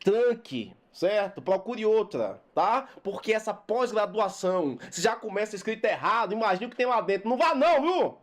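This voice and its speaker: A man's voice: sits high, animated, moderate pace, hardly any pauses. A man teaching a Brazilian Portuguese grammar lesson with a Brazilian accent, emphatic and repetitive, voicing his students' questions himself.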